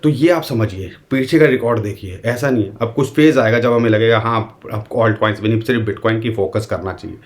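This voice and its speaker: A man's voice: on the low side, a little fast, few pauses. A man with an Indian accent giving a casual, conversational market analysis straight to his viewers, speaking as "we". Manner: conversational, addresses viewers directly, uses the royal we. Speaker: crypto market commentator.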